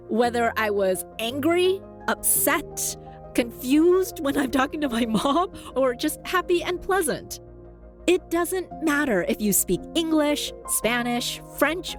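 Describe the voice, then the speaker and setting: A woman in her forties whose native language is Cantonese hosts a podcast, delivering a scripted monologue that's upbeat, clear and deliberate. Her voice is a little high.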